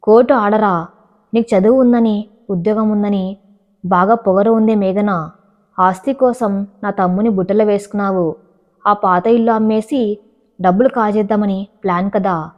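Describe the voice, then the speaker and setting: A fiery, money-minded elder sister who shouts accusations, as a woman reading the story puts her on. Middling pitch, and the lo-fi recording gives her a dull, muffled edge. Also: fairly even intonation, moderate pace, long pauses, close to an everyday voice. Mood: defiant. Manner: shrill accusing outbursts. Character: hot-tempered greedy elder sister.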